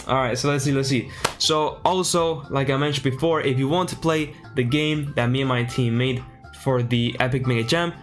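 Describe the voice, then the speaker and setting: Male streamer, loose live chat, narrates his own fiddling with settings, mid-pitched, faint music underneath. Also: fairly even intonation, moderate pace, hardly any pauses. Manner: chatty, thinks aloud while fixing settings. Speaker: streamer reacting to a livestream.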